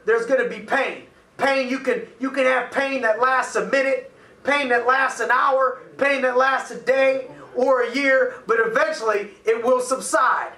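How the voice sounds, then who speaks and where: A man's voice: very high voice, sharp tone, far from the mic. A man in his thirties, a motivational coach and host, speaking to camera with emphatic energy and busy hand gestures in a small office. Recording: echoey room, voice a little off-mic.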